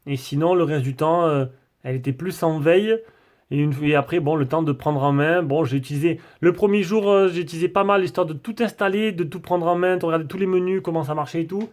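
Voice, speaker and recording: A man's voice: on the high side, steady tone, fast talker, darkish tone. A man doing a casual, rambling tech review, full of fillers and restarts.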